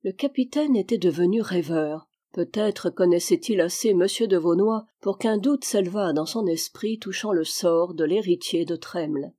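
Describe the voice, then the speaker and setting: A woman narrating a classic adventure novel as an audiobook in a measured, steady reading. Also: lowish voice. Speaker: audiobook reader.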